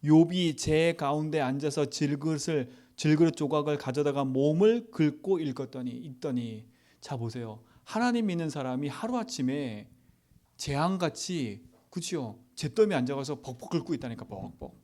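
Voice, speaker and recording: A male pastor giving a sermon. He asks the congregation rhetorical questions and swings from loud exhortation to near-whispers. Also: a little high, animated, moderate pace.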